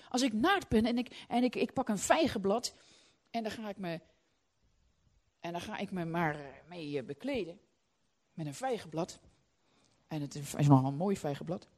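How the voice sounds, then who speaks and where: Delivering a sermon, a middle-aged woman alternates between loud, emphatic bursts and quiet, faltering stretches. She speaks at a fairly low pitch with a breathy edge.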